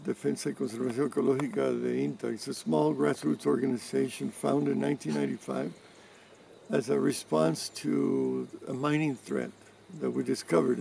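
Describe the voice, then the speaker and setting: A man in his seventies from Cuba, giving interview answers in a measured way with pauses and restarts. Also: mid-range voice, creaky, a little mellow. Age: 70s. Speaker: interviewee, environmental activist. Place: rural farm in mountains. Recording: distant mic with faint background noise.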